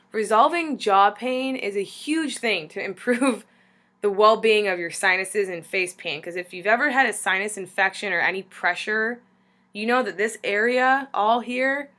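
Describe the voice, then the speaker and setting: A woman's voice: mid-range voice, pushed and bright. A young American woman chatting casually to camera in a candid, self-deprecating, rambling way. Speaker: vlogger giving a jaw treatment update.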